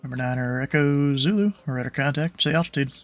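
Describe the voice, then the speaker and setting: A man's voice: mid-range voice, fairly quick, faint music behind. A man giving air traffic instructions as a controller, informal and hesitant, mixed with casual chat.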